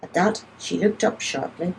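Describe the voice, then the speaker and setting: A woman narrating a story in the first person, steady and measured. Her voice is fairly low, with a gravelly fry and a warm, mellow tone. A faint hiss sits under the reading. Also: rough recording.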